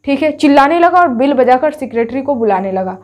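High-voiced woman teacher explaining a lesson. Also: expressive, brisk, darkish tone. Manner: repeats each point and asks herself rhetorical questions; addresses students directly, telling them to take screenshots. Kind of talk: explaining a story chapter in an online class.

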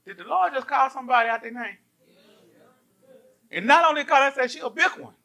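High, bright-voiced pastor preaching. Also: male voice, a little fast, creaky. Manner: animated, asks the congregation many rhetorical questions. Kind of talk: lively sermon. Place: church.

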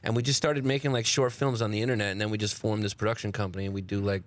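A man's voice: fairly low pitch, little pitch movement, rapid-fire. A man in his thirties with a Brooklyn accent, chatting casually as a guest comedian on a studio mic. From Brooklyn, New York. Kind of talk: casual chat. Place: talk show studio, indoors. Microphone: close studio broadcast mic.

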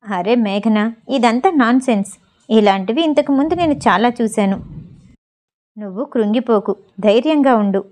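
A woman's voice: a little high, normal speed, a little mellow, close to an everyday voice. A woman voicing a firm, reassuring male film director in an audiobook story.

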